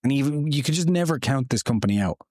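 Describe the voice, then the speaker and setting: A man's voice: mid-range voice, expressive, quick pace, warm tone, dry recording, clean studio sound. A man in his thirties hosting a podcast, telling history in a casual, rambling way with lots of fillers and personal asides. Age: 30s. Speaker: podcast host.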